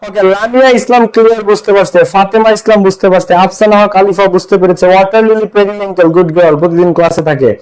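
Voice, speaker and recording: A young man with a fairly high voice teaches a live online class. He keeps asking his students short questions and answering them himself, repeating key words over and over. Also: fairly even intonation, quick pace, few pauses, a little mellow, clean tone, rough recording. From Bangladesh. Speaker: English teacher.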